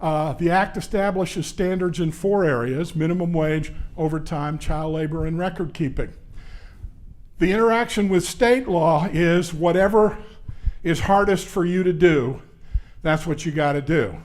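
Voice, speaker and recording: A labor law attorney in his sixties presents a legal seminar in a conference session room, using a handheld or stand microphone. He talks loudly and quickly in a pitch on the high side, like a brisk, conversational lecturer with frequent "uh" fillers.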